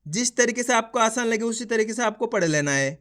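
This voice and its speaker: Speaking fairly quickly in a very high, slightly bright voice with lively intonation, a man teaches beginners to read. He sounds out each syllable, blends them into words, and keeps cheering his viewers on while repeating his instructions.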